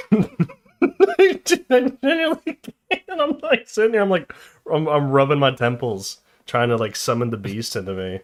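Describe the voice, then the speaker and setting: A man's voice: fairly high pitch, big pitch swings, a little slow. A man hosting a podcast in casual chat, rambling and laughing often as he trails off and restarts sentences. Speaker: podcast host.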